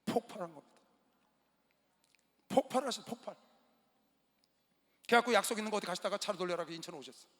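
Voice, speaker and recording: A man with a high, sharp and bright voice preaches a storytelling sermon. He swings from sudden loud bursts to quiet asides. His voice rings with the long reverb of a big indoor gymnasium used as a church hall. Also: fast talker, pauses often. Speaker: pastor.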